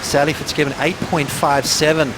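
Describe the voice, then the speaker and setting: A man's voice: on the high side, level tone, moderate pace. A man giving conversational, laid-back surf replay analysis, explaining each move as it happens. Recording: clear surf noise behind. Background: ocean waves.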